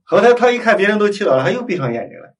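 A man preaches in a storytelling way, slipping into the voices of the people in his tale and often asking his listeners for agreement. His voice sits a little higher than most men's. He is heard from some distance from the microphone. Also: racing. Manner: animated, acts out dialogue, frequent tag questions. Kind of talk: storytelling sermon.

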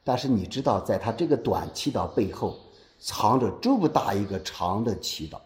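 This preacher's voice sits on the low side and moves at a moderate pace, swinging with expression as he poses questions to his listeners. In a reverberant church hall, he reads from scripture and explains it in a warm, energetic sermon rhythm.

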